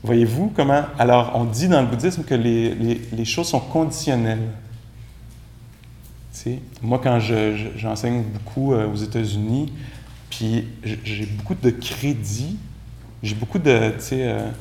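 A man's voice: mid-range voice, a little slow, mellow. A man from Quebec with a Quebec French accent giving a casual dharma talk as a meditation teacher, filling his sentences with "tu sais". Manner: casual, conversational, many "tu sais" fillers. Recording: echoey room, faint background noise.

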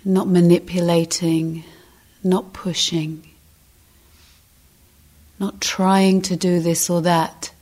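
In a fairly low pitch and flat delivery, a female meditation teacher gives guided instruction. She talks gently and deliberately, in short phrases broken by long pauses.

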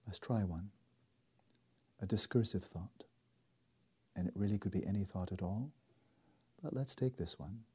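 A man guiding a meditation in a slow, soft, deliberate way, leaving long pauses between phrases. His voice sits somewhat low and is very dark and mellow, with a husky grain to it. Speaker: meditation teacher. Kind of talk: guided meditation.

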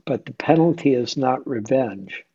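In an informal question-and-answer dharma talk, a meditation teacher chats with his group, posing questions and checking in often. His mid-range voice is warm, slightly rough, animated and unhurried, heard over dull audio.

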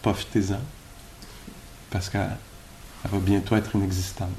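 There's a little background noise as a meditation teacher with a Québécois French accent talks informally at a retreat. His low, mellow voice barely shifts in pitch and moves at a normal speed while he muses through rhetorical questions in his dharma talk.

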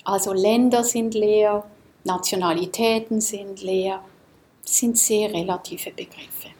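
A woman from Switzerland giving a calm, reflective Dharma talk to a group in a seminar room, often asking her listeners questions. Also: mid-range voice, measured pace. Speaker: meditation teacher.

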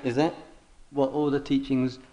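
A man speaks as a meditation teacher in dialogue with a student. His delivery is deliberate and halting, circling back over phrases as he frames his questions. His pitch sits in the middle range. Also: little pitch movement, dark tone, a little hiss or hum, low-quality recording. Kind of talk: question-and-answer spiritual dialogue.

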